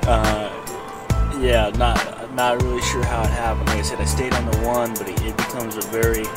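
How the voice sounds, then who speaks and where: A man's voice: medium pitch, little pitch movement, normal speed, loud music behind the voice. A man in his forties vlogging outdoors at night on his motorcycle trip, tired and lost, rambling with many fillers and restarts. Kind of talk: casual vlog talk to camera. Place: outdoors, roadside and campsite at night. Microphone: action camera held close. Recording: loud engine and road noise.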